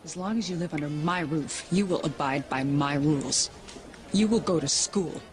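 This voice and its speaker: A woman's voice: low-pitched, normal speed, natural voice. An actress playing a stern, controlling middle-aged mother who talks in commands in a television soap opera. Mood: indignant. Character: strict, controlling, indignant mother of grown daughter.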